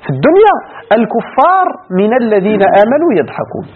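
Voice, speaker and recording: A man's voice: extremely high pitch, wildly swooping pitch, quick pace, husky. A man with a Moroccan accent teaching a lesson of Quran commentary, going through the text verse by verse and asking his class rhetorical questions. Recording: tinny phone-like lo-fi recording.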